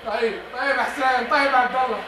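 Whiny, vengeful young guy, very high and quick; echoey noisy old TV sound. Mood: complaining. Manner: shouts, threatens, whiny. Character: hot-headed young man, easily soaked, vengeful.

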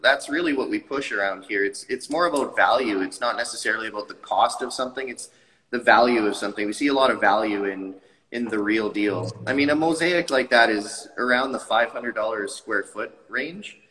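A man's voice: lowish voice, a little fast, big-room sound, low-quality recording. A man in his thirties, a tile company owner, talking enthusiastically on a video call from his showroom. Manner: enthusiastic, animated hand gestures. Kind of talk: casual interview talk. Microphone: video call webcam.

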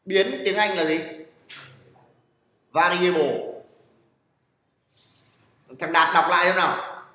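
In a classroom lecture on programming, a man speaks slowly in a high, bright, forceful voice with fairly even intonation. Blunt and teasing, he keeps checking in with students and calls on them to answer, all in an echoey room with long reverb.

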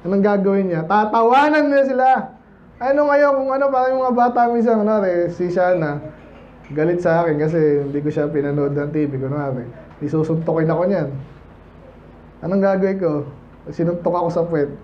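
A man's voice: high-pitched, brisk, highs cut off, slight background noise. A man with a Filipino accent preaching a Baptist sermon in church, chatting with the congregation and asking "Amen?" and often acting out voices. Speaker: pastor.

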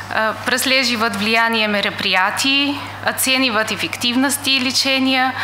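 A woman's voice: on the high side, bright, forceful tone. A middle-aged woman who is not a native speaker lectures over slides with a foreign accent and frequent hesitations. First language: not a native Russian speaker. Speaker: conference lecturer. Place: indoor lecture room. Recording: echoey room with faint hiss.

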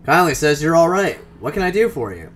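A man voices a cheerful cyber-doctor in his forties from a game's text, adopting a loose Midwestern US accent, while soft music plays behind. His fairly high voice swings widely in pitch and moves fairly quickly as the jovial character boasts and rambles.

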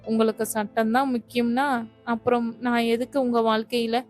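A woman's voice: a little high, flat delivery, brisk, soft background music, close to an everyday voice. Woman reading as a reproachful young wife. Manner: reproachful, pleading. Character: young wife Mathi, a teacher, hurt and sulky.

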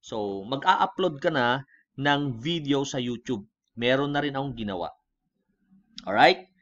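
A man with a Filipino accent talking through a software tutorial in a casual way, switching between Tagalog and English and often checking in with the viewer. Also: medium pitch, animated, a little slow, muffled recording. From Philippines. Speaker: online tutorial host. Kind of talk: screen-recorded software tutorial.

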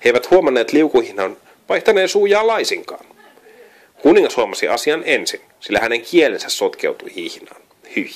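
A man's voice: medium pitch, very animated. A man reading a children's storybook aloud, often stumbling and correcting himself. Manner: frequent slips and self-corrections while reading. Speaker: reader.

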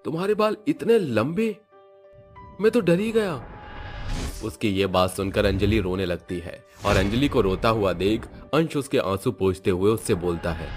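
A man voicing a young caring husband in an animated story, speaking in a raised, pleading tone. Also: on the high side, pitched above the performer's own voice. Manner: gentle, pleading, later angry.

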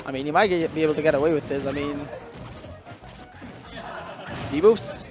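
A man's voice: fairly high pitch, normal speed, over music. A man giving casual color commentary on a fighting-game match, leaning on fillers like "I mean". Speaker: esports co-commentator.

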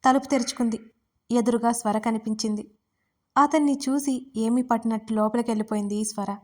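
Female storyteller, scripted romance narration, slightly high voice. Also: brisk. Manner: steady reading of a romance.

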